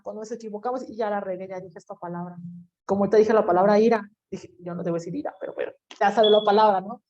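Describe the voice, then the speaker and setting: A woman's voice: on the high side, darkish tone. A woman teacher giving a chatty class lecture, acting out little inner voices as she explains. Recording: lo-fi dull audio.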